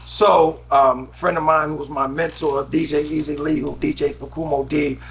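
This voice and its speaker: A man's voice: a little high, flat delivery, moderate pace, creaky, a little hiss or hum. A middle-aged man, a radio DJ from Harlem, telling stories in a casual interview with lots of ums and restarts. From Harlem, New York City. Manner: rambling storyteller, frequent ums and restarts. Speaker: radio DJ and guest.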